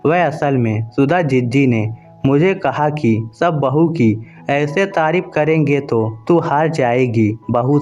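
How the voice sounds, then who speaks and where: A man's voice: mid-range voice, a little mellow, highs cut off, natural voice. A man voicing a scheming older mother-in-law who gets flustered. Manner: flustered, stammering.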